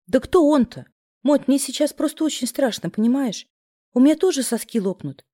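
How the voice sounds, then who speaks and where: A woman's voice: high-pitched, lively intonation, normal speed, warm tone, pitched above the performer's own voice. A woman voicing a frightened young pregnant woman who talks in a plaintive, anxious way.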